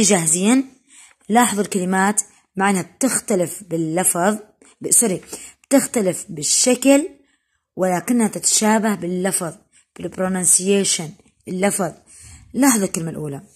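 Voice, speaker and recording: Husky woman teaching English words. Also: lowish voice. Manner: explains in colloquial Arabic mixed with English, drills words slowly and loudly. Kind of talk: recorded classroom lesson for children.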